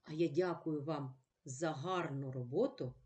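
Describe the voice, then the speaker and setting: A Ukrainian woman teacher with a low, darkish voice gives children a slow, patient reading lesson. She poses questions and then answers them herself.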